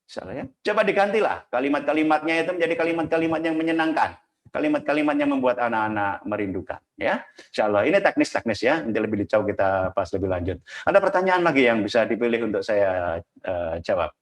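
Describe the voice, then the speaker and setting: A man's voice: mid-range voice, animated, fast. A man giving an earnest religious parenting lecture over a video call, repeating and urging his listeners. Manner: earnest, repetitive, urging the audience. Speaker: guest speaker at a parenting talk.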